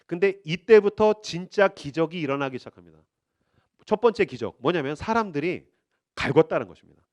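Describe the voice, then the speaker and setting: A man's voice: fairly high pitch, expressive, a little fast, a little mellow, muffled recording. A male pastor preaching a sermon in an emphatic way, repeating phrases for force. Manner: emphatic, acts out quotes.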